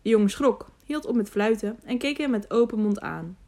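A woman narrating a children's novel audiobook in a calm, measured way. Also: medium pitch. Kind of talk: scripted narration.

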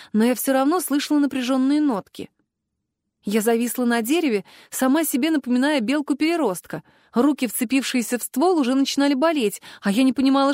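A woman narrating a fantasy audiobook in the first person, with expressive, emotional storytelling on a close studio mic. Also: on the high side, no echo.

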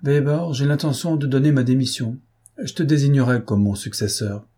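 A man reading the part of an ironic, self-assured gentleman thief in an audiobook, composed and teasing. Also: medium pitch, moderate pace, husky, lightly acted.

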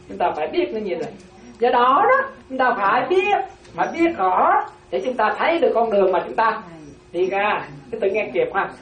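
A Buddhist nun giving a dharma talk, repeating key phrases and often asking whether her listeners follow. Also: medium pitch. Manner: keeps checking listeners follow with repeated questions. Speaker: Buddhist nun teaching a class. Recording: roomy, distant mic.

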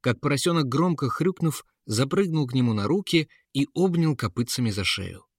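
A man narrating a fairy tale audiobook in a lively, expressive way. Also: medium pitch, normal speed, no room sound, clean studio sound.

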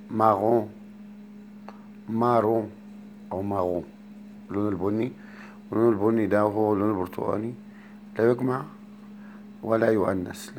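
A man with an Egyptian Arabic accent teaching a lesson, repeating each word slowly and carefully. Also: fairly low pitch, vocal fry, darkish tone, a little hiss or hum. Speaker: French teacher. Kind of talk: spoken lesson.

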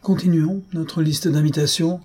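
An excitable young marquise talks with eager emphasis, as a male narrator pitches his voice up. The sound stays husky under the raised pitch. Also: a little slow.

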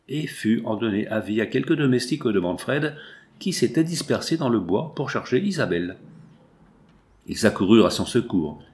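A man narrating a classic novel in a measured, formal reading style. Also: medium pitch, a little mellow. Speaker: audiobook narrator.

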